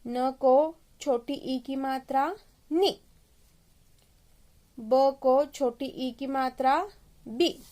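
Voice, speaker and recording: Slow, high-voiced woman teaching children. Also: mellow. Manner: slow, sounding out each syllable; addresses the children directly. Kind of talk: children's Hindi lesson.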